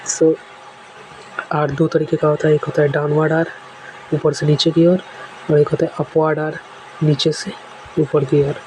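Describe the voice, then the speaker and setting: Dark-voiced man teaching in a monotone. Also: a little high, normal speed, long pauses, slight background noise, rough recording. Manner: repeats examples patiently, step by step. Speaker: shorthand teacher. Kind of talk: classroom lesson explaining strokes.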